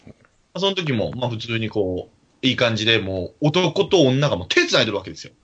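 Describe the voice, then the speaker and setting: A man telling an animated story in casual chat, acting out the quotes of the people in it. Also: medium pitch, fairly quick, slightly rough. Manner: animated anecdote with acted-out quotes. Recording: dull lo-fi recording.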